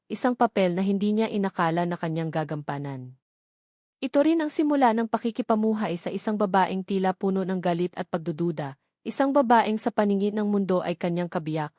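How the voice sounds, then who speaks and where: Reading a scripted dramatic story as narrator, this Filipino-accented woman has a mid-range, darkish voice. The recording is dry and of studio quality.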